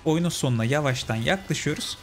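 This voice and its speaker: A man's voice: on the high side, fast talker, faint music behind. A young man giving casual let's-play commentary, chatting with his viewers as friends. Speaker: gaming channel host.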